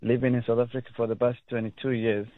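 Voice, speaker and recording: A man's voice: mid-range voice, little pitch movement, quick pace, dry recording. A man from Somalia, calling a radio show and speaking earnestly and plainly. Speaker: caller. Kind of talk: radio call-in. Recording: tinny phone line.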